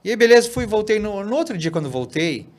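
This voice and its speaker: A man, a pastor guesting on a podcast, telling a story in an animated way and often tagging "né?" and "cara". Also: sits high, fast talker. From Brazil. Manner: animated, tags sentences with "né?" and "cara". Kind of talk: casual storytelling in a podcast interview.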